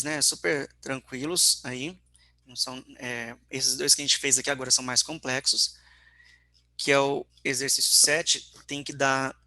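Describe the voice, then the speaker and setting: A man's voice: mid-range voice, pushed and bright, no echo. A man teaching an online physics class, working through calculations step by step and often checking in with his students.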